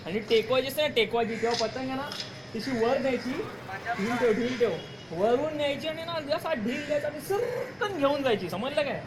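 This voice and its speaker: An actor playing a bossy young elder brother who boasts and scolds while flying kites on a rooftop in a short film. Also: male voice, very high-pitched, a little fast, a crowd in the background. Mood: explaining. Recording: noisy outdoor location sound.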